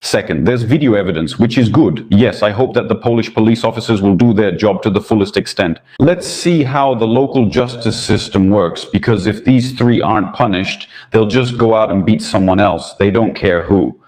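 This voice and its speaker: Sarcastic low-voiced man commenting. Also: moderate pace, hardly any pauses, darkish tone. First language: Russian. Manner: sarcastic, indignant. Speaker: political commentator. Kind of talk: scripted commentary monologue.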